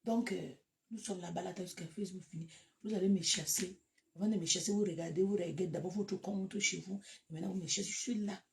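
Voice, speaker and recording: A woman with a Cameroonian French accent chatting casually to her followers, animated and breaking into loud bursts. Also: fairly low pitch, fast talker, creaky, a little hiss or hum. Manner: animated, laughs loudly, shifts to loud bursts. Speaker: social media live host. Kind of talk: casual live chat to followers.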